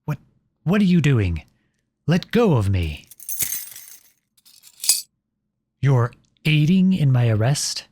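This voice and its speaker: Here the outlaw prince sounds betrayed and angry: a man in an earnest, dramatic ASMR roleplay voicing a protective, noble young exile devoted to his beloved, speaking directly to listeners who aren't seen. The soft, husky delivery is medium-pitched with big pitch swings and a slightly slow pace, close-miked on a dry studio-style microphone with no echo.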